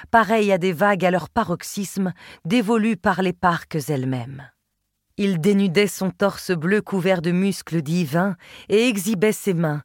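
A woman reading a literary novel aloud in a measured, expressive first-person telling, close to the mic. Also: lowish voice, no echo. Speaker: audiobook narrator. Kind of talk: literary audiobook narration.

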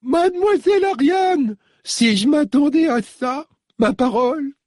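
A man reading aloud and voicing a very old, hunched woman, gruff toward visitors but fond of a familiar guest, in a high quavering voice. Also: lively intonation, measured pace, a little mellow, no room sound, studio quality. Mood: astonished. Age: 70s to 80s (figure).

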